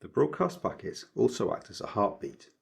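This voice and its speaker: Very animated, a maker presents his electronics project in a scripted tutorial, methodically explaining each step in a measured way. His voice is low and creaky, very husky and breathy-rough instead of smooth.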